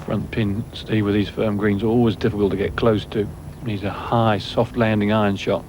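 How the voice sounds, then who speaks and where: A man's voice: fairly low pitch, flat delivery, moderate pace. A man giving analytical live commentary as a golf commentator. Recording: noisy outdoor broadcast ambience. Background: outdoor course ambience.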